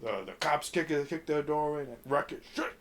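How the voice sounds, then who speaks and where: A man's voice: on the high side, brisk. Casual man recapping a movie. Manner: rambling, many fillers and restarts, reads from notes. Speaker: podcast host.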